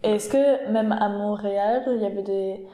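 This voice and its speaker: Woman podcast host, curious interviewer, warm low-key tone, recorded in an echoey room. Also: steady tone, moderate pace, slight background noise. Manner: curious, precise questions.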